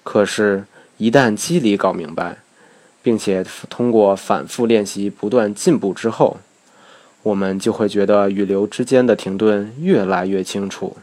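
Measured, low-voiced Chinese man teaching. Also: fairly even intonation, darkish tone. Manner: measured, explanatory, stretching words slowly to demonstrate. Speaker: English teacher. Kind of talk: scripted lesson narration.

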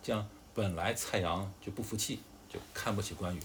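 A man's voice: fairly low pitch, fairly quick, noisy background. A father casually retelling a classic tale to his child, chatty and explaining, with fillers and asides. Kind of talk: casual storytelling.

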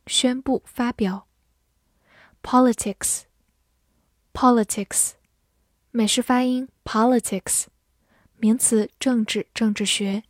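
A woman teacher reading out an English word list, saying each word twice and giving its meanings in an even recitation. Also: on the high side, no room sound. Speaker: vocabulary teacher.

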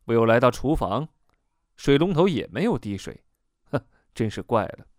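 A man narrating a first-person horror story, reading dramatically and dropping to a hush at tense moments. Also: mid-range voice, very animated, normal speed, dry recording, clean studio sound.

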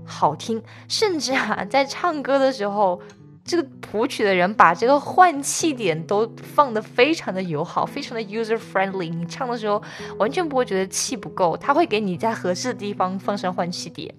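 A woman giving an online singing lesson, chatty and encouraging, stopping often to sing lines slowly for the learner. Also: medium pitch, animated, soft background music. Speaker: singing teacher.

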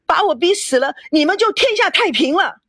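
A woman's voice: very high voice, lively intonation, brisk, fairly bright tone, no echo, studio quality, voice pushed up, heavily acted. A woman voicing a distraught young daughter, screaming and sobbing in an audiobook drama. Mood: hysterical sobbing.

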